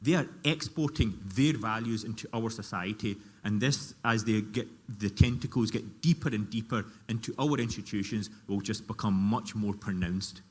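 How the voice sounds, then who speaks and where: A man's voice: on the low side, moderate pace, few pauses, slightly rough. Emphatic male panelist in a reverberant hall. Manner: emphatic, argumentative. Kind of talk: conference panel discussion. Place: large conference hall.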